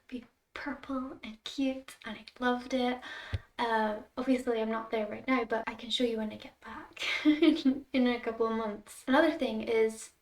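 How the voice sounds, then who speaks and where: A woman in her twenties with a Scottish accent, chatting casually and confidingly to her viewers as a vlogger. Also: on the high side. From Scotland. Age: 20s. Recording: roomy, slightly distant mic.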